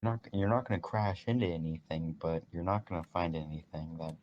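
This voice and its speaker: Deep-voiced man running a tabletop game. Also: steady tone. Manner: laid-back, halting narration with restarts. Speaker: game master. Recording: dull lo-fi mic with faint hiss.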